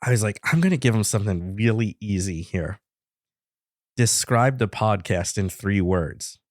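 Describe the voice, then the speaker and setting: A man co-hosts a podcast, telling the story of a chat in a dry, deadpan manner. His voice sits fairly low, and the recording is close and dry. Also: moderate pace, no room sound. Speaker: podcast co-host. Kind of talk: casual chat.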